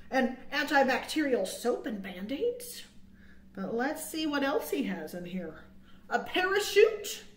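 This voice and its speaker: A middle-aged children's librarian hosts storytime, reading a picture book aloud in a high, fairly bright voice whose pitch swings widely. She goes slowly, leans into dramatic emphasis, and tosses in little asides for the young listeners. The indoor space sounds roomy and echoing.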